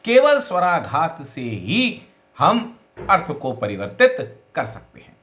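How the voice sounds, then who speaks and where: Animated male philosophy lecturer, roomy sound. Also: a little high. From India. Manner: deliberate explaining, stresses words to demonstrate meaning, frequent "uh" fillers. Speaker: philosophy professor. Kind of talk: recorded video lecture. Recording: echoey room.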